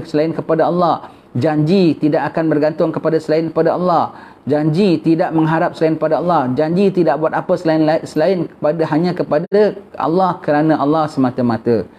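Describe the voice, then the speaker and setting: A man's voice: on the high side, a little mellow. Man teaching in a Malaysian Malay accent. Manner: conversational, tags phrases with "ya" and "ha". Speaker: religious teacher. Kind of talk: classical text lesson. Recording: dull lo-fi recording.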